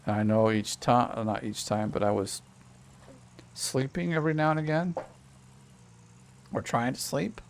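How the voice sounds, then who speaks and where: At his home desk, a man who runs a gaming channel narrates his gameplay in a gravelly, medium-pitched voice, a little slow and with many pauses. He rambles, corrects himself, and makes chatty remarks to the small child beside him, his intonation fairly even, over a little hiss or hum.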